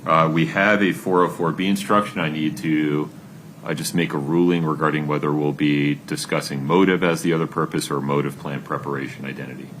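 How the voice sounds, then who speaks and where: A man presiding as judge, giving measured, deliberate rulings in a courtroom recording. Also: extremely low pitch, fairly even intonation. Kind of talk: courtroom proceedings. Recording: courtroom recording with background noise.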